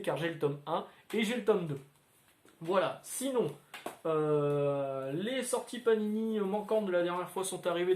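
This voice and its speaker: A man hosting a casual comics chat, rambling and filling pauses with hesitant sounds. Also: fairly high pitch, a little mellow. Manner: rambling, many filler sounds. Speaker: comics video host. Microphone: standalone microphone. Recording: roomy echoey room.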